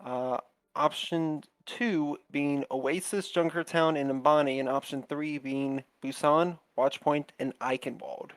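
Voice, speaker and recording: A man's voice: fairly high pitch, fairly even intonation, unhurried, clean tone, dry recording. A man casting a live video game match from his home setup, upbeat and chatty, often laughing. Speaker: esports caster. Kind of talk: casual live game commentary.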